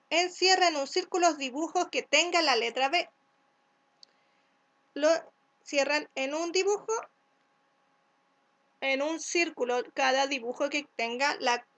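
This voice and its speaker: High-voiced chilean lady teacher, talks real slow, sounds out syllables for little kids. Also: a bit bright. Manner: asks "¿cierto?" to check along. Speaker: first-grade teacher. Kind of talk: recorded remote class instructions.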